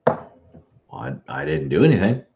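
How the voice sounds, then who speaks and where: A man's voice: extremely low pitch, sing-song, normal speed, creaky, lo-fi sound. A man in a casual online call, sounding echoey and distant, as if from across the room on a webcam mic, swearing freely. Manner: swears freely, muttering while fiddling with settings. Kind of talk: casual chat. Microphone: webcam microphone picked by default.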